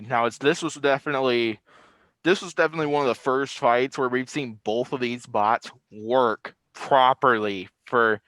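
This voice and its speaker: Clear-voiced man hosting through a face mask. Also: mid-range voice, a bit bright, no room sound. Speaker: host. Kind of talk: casual video discussion and fight recap.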